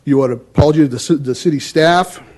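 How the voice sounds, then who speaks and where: A man's voice: on the high side, fast talker, darkish tone. A man giving a formal public comment at a council meeting in a stern, indignant, accusatory way.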